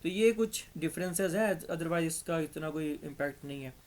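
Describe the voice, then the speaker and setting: Pakistani man, teacher, patiently walks through examples, throat a bit dry, voice sits high. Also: moderate pace, darkish tone. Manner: patient, step-by-step explaining, repeats examples. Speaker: English teacher. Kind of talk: grammar lesson.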